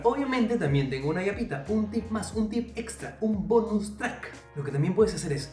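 A man's voice: sits high, darkish tone, reverberant, recorded from a distance. A young man giving a casual guitar lesson, explaining each step directly to the viewer. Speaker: guitar teacher. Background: faint guitar playing.

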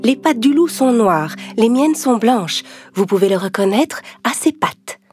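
A woman's voice: a little high, animated, unhurried, over music, voice pushed up. Une femme qui joue une maman chèvre douce et protectrice dans un dessin animé. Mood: prévenant. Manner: soft, protective. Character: gentle caring mother goat.

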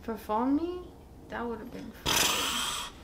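A woman's voice: a little high, lively intonation, takes it slowly, vocal fry, noisy background. A woman co-hosting a casual music video reaction, laid-back, trading short remarks.

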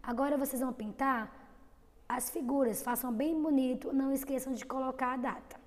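A woman teaching young children in an online lesson, with a Brazilian accent, stretching out syllables slowly. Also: high voice, fairly even intonation, long reverb tail. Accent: Brazilian Portuguese. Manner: slow, drawn-out syllables for children. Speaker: kindergarten teacher.

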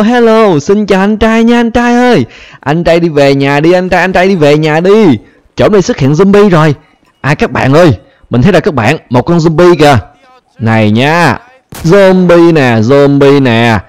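A man with a Vietnamese accent hosting a gaming channel, talking excitedly and chattily to viewers over his gameplay, often repeating phrases. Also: fairly high pitch. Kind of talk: casual game commentary.

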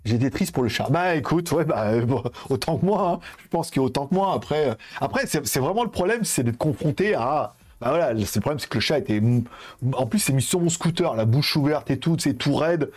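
Fairly quick and expressive, a young man with a slightly high, somewhat mellow voice hosts a giveaway on a live stream. He chats casually and rambles, speaking straight to viewers with plenty of fillers.

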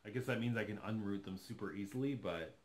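A man in his thirties talks at a quick pace in a fairly low, slightly mellow voice. Sitting on his living room sofa, this doll collector vlogger unboxes a doll in casual chat, enthusiastic and thinking aloud.

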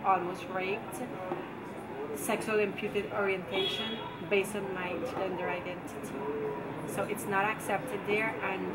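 A young woman with a Guyanese accent giving poised, deliberate, emphatic pageant answers in an interview. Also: medium pitch. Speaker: pageant contestant being interviewed. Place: seated before a draped backdrop with potted plants. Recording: loud background noise, ambient sound.

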